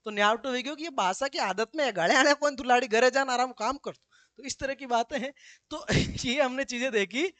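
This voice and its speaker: A man's voice: very high-pitched, fairly bright tone, dry recording. A male teacher giving a classroom grammar lesson, with joking asides and slips into local dialect.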